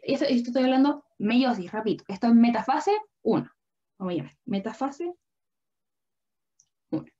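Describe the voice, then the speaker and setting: A young woman teaches biology in a high, bright voice. She explains patiently, drawing as she goes and often asking whether her students follow. The audio sounds dull and lo-fi, like an online class recording. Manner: patient, checks understanding with frequent questions. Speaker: biology tutor.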